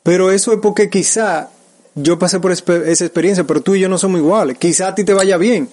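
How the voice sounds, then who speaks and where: A man's voice: high voice, fast talker. A man in a casual conversation, agreeing often, using slang and checking whether he is understood. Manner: animated, agreeing often, asks "you understand me?".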